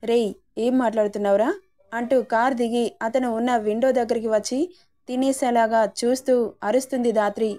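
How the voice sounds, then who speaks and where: A woman storyteller reading a romance serial aloud in a steady storybook manner. Her voice sits a little high and has a mellow, warm tone. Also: fairly quick.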